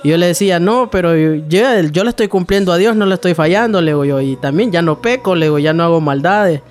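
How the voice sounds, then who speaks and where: Man, personal testimony, storyteller, slightly high voice, faint music bed. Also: quick pace, darkish tone. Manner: storytelling, acts out dialogue, addresses listener as "hermano". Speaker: testimony speaker.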